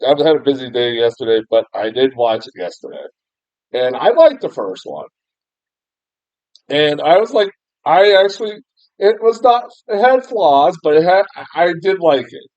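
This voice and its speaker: In a slightly high, animated voice with a bit of mellowness, a young American man chats through a film review at normal speed. His native language is English; he rambles, self-deprecates, laughs often, swears lightly, and is full of fillers and false starts. The recording is lo-fi, dull and muffled, with no room sound.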